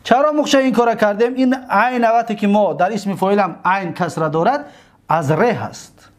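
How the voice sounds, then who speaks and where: A man with a Tajik accent teaching grammar, drawing out and repeating each word form slowly for his students. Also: high-pitched. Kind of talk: grammar lecture.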